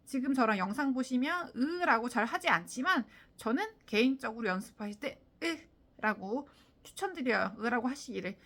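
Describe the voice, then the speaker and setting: Lively woman teaching English listening. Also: on the high side, normal speed. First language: Korean. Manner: animated, demonstrates English sounds and stress aloud; frequent fillers, talks directly to viewers. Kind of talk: video lesson on English listening.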